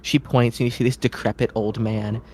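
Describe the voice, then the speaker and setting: A man narrating as dungeon master for a tabletop game in a relaxed, descriptive way. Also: mid-range voice, brisk, background noise.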